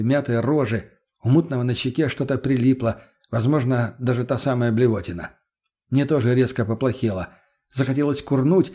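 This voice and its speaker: Guy reading an audiobook, steady mid voice. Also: medium pitch. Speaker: audiobook reader. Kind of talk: first-person audiobook narration.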